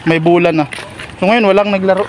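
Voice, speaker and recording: A man hosting a casual walking vlog with an Agusan del Sur accent, speaking in a coaxing, repetitive way as he gently encourages his companion outdoors. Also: high voice, steady tone, fast, slight background noise. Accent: Agusan del Sur Filipino. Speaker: vlogger host. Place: outdoors on a street and court.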